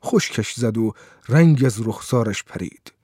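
Mellow-voiced man reading an audiobook. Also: mid-range voice, breathy edge, no echo, studio quality. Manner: measured, steady storytelling. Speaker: narrator. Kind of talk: audiobook narration.

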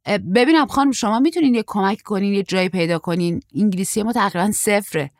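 A woman's voice: medium pitch, no echo, studio quality, voice pushed up, close to an everyday voice. A woman voicing a tall, lanky young male surfer who is shy but blunt and naive. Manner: naive, chatty, raised youthful delivery.

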